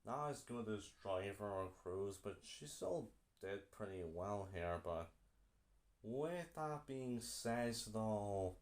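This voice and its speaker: Young man, film reviewer, casual, halting, repeats himself, slow-paced. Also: low-pitched.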